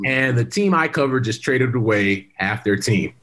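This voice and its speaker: A man's voice: mid-range voice, expressive, normal speed, a bit bright, slight background noise. A man co-hosting a casual sports podcast, easygoing and laughing often as he banters. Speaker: podcast co-host.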